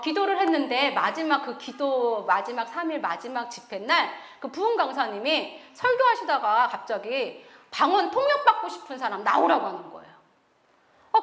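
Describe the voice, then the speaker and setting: A woman's voice: high voice, roomy sound. A woman missionary telling her testimony at a church meeting, acting out scenes and laughing as she talks. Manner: animated storytelling, acting out her past self with laughter. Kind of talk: testimony sermon with acted quotes.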